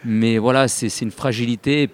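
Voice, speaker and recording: A man of Sicilian descent raised in France, a stage singer, talking about his show in an animated, laughing, rambling way. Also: mid-range voice, normal speed. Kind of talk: casual interview.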